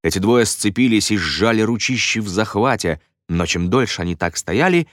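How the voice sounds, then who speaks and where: A man reads a story aloud with expressive delivery and a lively pitch line. His voice sits low, and the close studio sound is dry with no room. The reading is scripted and steady. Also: moderate pace, no echo. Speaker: audiobook narrator. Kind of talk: scripted narration.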